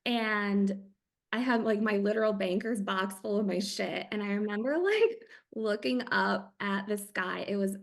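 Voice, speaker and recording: A woman's voice: medium pitch, a little slow, gravelly. A middle-aged woman from Michigan, a podcast guest, telling her story in casual chat and acting out the lines of the people in it. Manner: animated storytelling with acted-out quotes and laughter.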